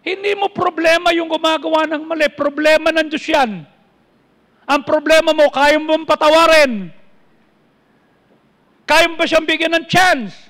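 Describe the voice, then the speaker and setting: A man's voice: very high voice, fairly even intonation, normal speed, long pauses, fairly bright tone. A man with a Filipino accent preaching a sermon as pastor, quoting scripture and putting questions to his congregation. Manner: preaching in mixed Tagalog and English, quoting verses, asking the congregation questions. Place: church. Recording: long church hall reverb.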